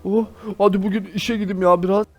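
Excitable high-voiced Minecraft YouTuber. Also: male voice, fast talker. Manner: excitable, exclaiming, talks to viewers as gençler. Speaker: YouTuber playing a Minecraft character. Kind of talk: Minecraft role-play narration. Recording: faint background music.

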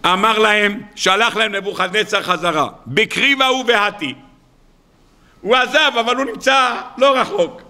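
A rabbi delivering a weekly sermon, talking in a high, bright voice. He tells it as a story and slips in jokes along the way. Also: few pauses. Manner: storytelling, humorous asides.

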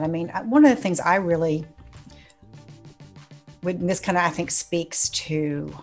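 A middle-aged woman with an American accent talking casually in an interview, circling through her phrasing with asides. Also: sits low. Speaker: forensic psychologist in conversation. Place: indoor office on a video call.

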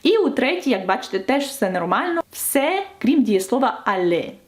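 A woman's voice: fairly high pitch, big pitch swings, normal speed. A woman teacher explaining French grammar in a video lesson, stressing each example.

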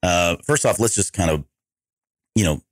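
A man hosting a podcast, talking in a hoarse voice with a loose, rambling, self-correcting manner. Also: low voice, normal speed, no echo, clean studio sound. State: hoarse from allergies. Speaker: podcast host. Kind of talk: casual podcast chat.

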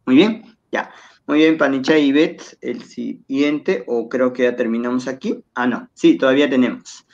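A man's voice: mid-range voice, normal speed, lo-fi sound. Patient male language teacher. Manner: patient, explanatory, repeats words for pronunciation. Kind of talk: televised language lesson.

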